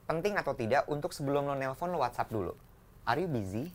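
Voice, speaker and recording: A man's voice: medium pitch, animated, quick pace. A man hosting a casual podcast, putting questions to his co-hosts and steering the talk. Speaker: podcast host. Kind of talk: casual chat.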